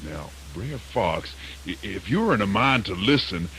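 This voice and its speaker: An actor playing a chummy, scheming wolf in a children's radio play, with a folksy drawl. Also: male voice, on the low side, very animated, measured pace, pushed and bright, slight background noise, full character voice, low-quality recording. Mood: chummy, conniving. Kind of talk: children's radio theatre dramatization.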